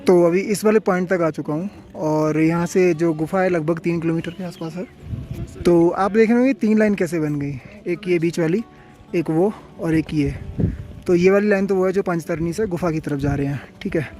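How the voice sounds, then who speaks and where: Faint music sits under a warm, fairly high male voice moving at a normal pace. He's out on a mountain trail vlogging his travels, sick with a fever and exhausted from the climb, yet chatty and full of friendly advice.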